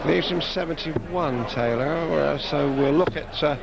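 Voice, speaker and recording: A man giving explanatory live commentary as a darts pundit, in a measured way. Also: a little high, vocal fry. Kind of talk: live sports analysis commentary. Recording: loud crowd behind. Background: noisy darts crowd.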